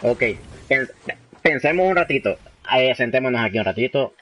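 A man's voice: medium pitch, lively intonation, moderate pace, fairly bright tone, no room sound. Young man casually streaming a game. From Honduras. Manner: chatty, reads chat aloud, slangy, mixes in English phrases. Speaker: livestreaming gamer. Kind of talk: casual live gameplay commentary.

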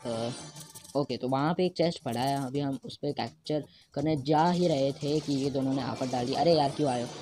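A man talks through a mobile game as he plays, excitable and quick to repeat words over and over when he panics. His voice sits at a middle pitch. Lively game music plays clearly behind him. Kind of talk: live gameplay commentary. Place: at home.

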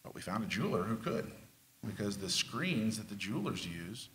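Deep-voiced man on a conference panel. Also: big pitch swings, moderate pace, fairly bright tone, poor audio. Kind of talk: panel discussion. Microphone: table mic on stand.

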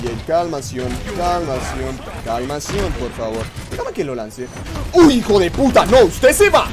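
Young Colombian male streamer with a high voice, brash and foul-mouthed, shifting between muttered asides and shouted outbursts over soft music. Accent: Colombian Spanish. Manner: brash and profane, swinging between mumbled asides and yelled outbursts. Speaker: Twitch streamer. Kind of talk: live gaming stream commentary.

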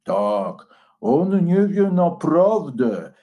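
A man voicing a calm, sensible male dragon in a children's storybook, talking in a slow, low and deliberate way. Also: lo-fi sound, exaggerated voice. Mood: grumbling. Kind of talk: storybook character voice.

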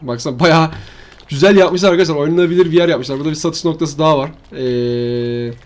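A man's voice: on the high side, quick pace. A man giving rambling, slangy commentary while showing a farming game map to his viewers. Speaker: gaming channel host. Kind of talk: casual gameplay commentary.

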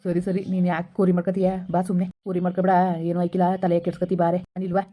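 A woman playing a young man who has eloped with his girlfriend and keeps calming her, in a village skit. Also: on the low side, rapid-fire, lightly acted. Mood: soothing. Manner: soothing, urging calm, repeating himself. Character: young man Sharath, eloping lover, soothing. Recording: dull lo-fi recording.

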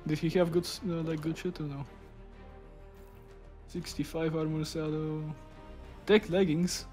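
A man calling out moves to his teammate mid-fight in a survival game, urgent and excitable, cursing as things get tense. His voice sits fairly high, with faint music underneath. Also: a little slow. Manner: excited, swearing, urgent callouts. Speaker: gaming teammate. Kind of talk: gameplay voice chat.

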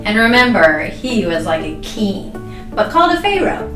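A woman's voice: mid-range voice, very animated, moderate pace. A middle-aged woman hosting a kids show, telling a story simply and expressively to small children. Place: indoor room, green screen. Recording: roomy, distant mic, music underneath.

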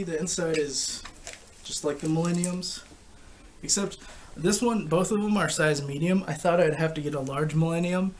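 A young adult man talks through gear in a casual review, explaining it informally and haltingly. His voice has a gravelly, creaky edge and sits slightly high for a man. It is picked up by a camera mic some way off, with faint noise in the room. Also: far from the mic. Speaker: gas mask collector and reviewer. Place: living room couch, indoors. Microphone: camera a short distance away.

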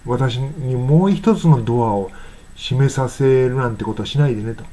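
Guy going over song lyrics, warm low-key voice, lots of ums, reads the english bits real slow. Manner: unhurried, halting with frequent fillers; reads English lines slowly and carefully. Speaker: English teacher.

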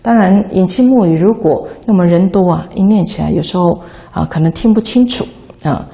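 A woman's voice: lowish voice, fairly quick, gravelly, mellow. A woman, a Buddhist nun, giving a patient, instructive dharma talk on how to chant.

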